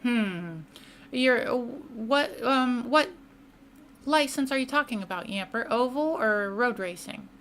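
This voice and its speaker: A woman's voice: fairly high pitch, lively intonation, slow pace, fairly bright tone, slight background noise. A young woman live-streaming a racing game, chatting casually and answering viewers between laps. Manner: chatty, reads and answers chat mid-race.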